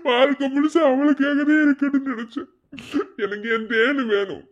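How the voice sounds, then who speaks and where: A man's voice: sits high, moderate pace, a bit bright, breathy edge, dull audio, heavily acted. A man voicing a heartbroken young husband in a cartoon, sobbing and pleading in a Madurai Tamil accent. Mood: grief-stricken. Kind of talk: cartoon voice acting.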